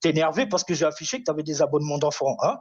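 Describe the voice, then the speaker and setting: A man with a high voice taunts his opponent in a heated online argument, hammering the same lines again and again. He comes through a video call with dull, lo-fi sound. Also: very fast, crowd noise. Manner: taunting, mocking, repeats himself.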